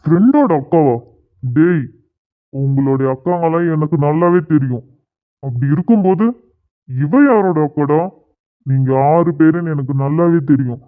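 A smug cartoon groom brushes off and threatens a gang of schoolboys, played by a man. His voice sits a little high, and it comes through tinny and phone-like. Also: normal speed, long pauses, natural voice. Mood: threatening. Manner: dismissive, threatening.

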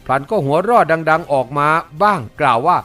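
A man narrating a Chinese martial-arts novel in a steady storytelling manner. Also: a little high, brisk, soft background music. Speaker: audiobook narrator.

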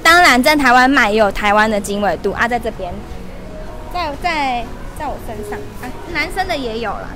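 A woman in her twenties hosting a lively livestream shopping promo in a mall store, chatty and laughing often. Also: fairly high pitch, fairly quick, over music. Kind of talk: lively live-stream product promo. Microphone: wired lapel mic held in hand.

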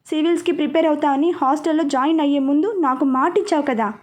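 A woman's voice: sits high, fast, natural voice. A woman voicing a stern, protective young man in a storybook reading, speaking firmly and with authority. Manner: firm, commanding.

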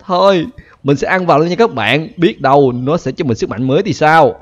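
A man's voice: fairly high pitch, fairly quick, lo-fi sound. A man giving chatty gameplay commentary, constantly addressing his viewers. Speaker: gaming YouTuber.

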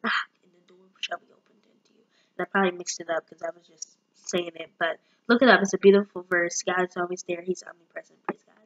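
This time the young woman's voice is lowish and fairly even, quick in pace, on a low-quality recording. She's a chatty nineteen-year-old vlogger singing snippets now and then, using a webcam in a small room.

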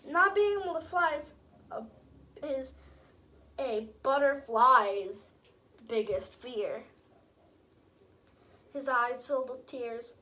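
A woman's voice: sits high, slow, long pauses, sharp tone. A woman reading a rhyming picture book aloud in a sing-song way, breaking off to chat with viewers. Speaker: storybook reader.

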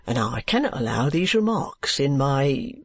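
A man's voice: medium pitch, sing-song, a little slow, breathy edge, no room sound, heavily acted. A man voicing a pompous, solemn Victorian husband who swaps his v's for w's. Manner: pompous, stiffly solemn, says w for v.

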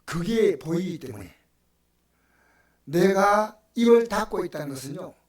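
An older man with a Gyeongsang Korean accent preaching a sermon as pastor, swinging from loud exclamations to hushed whispers. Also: high voice, expressive, a little slow, echoey room. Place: church sanctuary.

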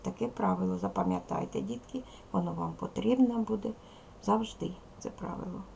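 A woman teaching a recorded primary school lesson with a Ukrainian accent, explaining slowly and carefully to young pupils. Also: mid-range voice, creaky, darkish tone, slight background noise. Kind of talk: recorded video lesson for children.

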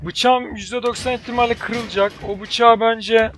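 A man with a high-pitched voice talks through a horror game as he plays it, cracking jokes and thinking out loud. He gets excitable and yells at the enemies, then drops back into muttered planning. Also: unhurried. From Turkey. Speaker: gaming channel host. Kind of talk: let's play commentary.

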